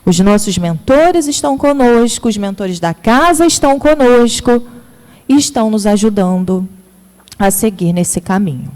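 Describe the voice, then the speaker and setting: A woman's voice: medium pitch, animated, normal speed, a little mellow. Woman, Rio de Janeiro accent, thirties, spiritist lecture, acts out dialogue, long hall reverb. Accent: Rio de Janeiro Portuguese. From Brazil. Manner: storytelling, acting out dialogue. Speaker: speaker at a spiritist center.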